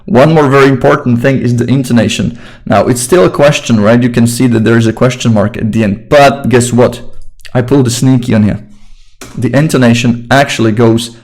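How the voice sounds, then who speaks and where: Speaking fairly quickly, a young English teacher with a Slovak accent runs an informal online grammar lesson in a relaxed, chatty way, repeating himself often. His voice is mid-pitched, a keyboard clacks now and then, and the recording is rough.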